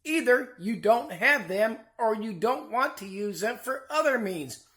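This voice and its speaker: Bright tense voice, pissed-off vlogger rambling and cussing, lots of restarts. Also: medium pitch, animated, unhurried. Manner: profane, angry, rambling with many restarts. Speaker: channel host. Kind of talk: rambling commentary rant. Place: house, indoors.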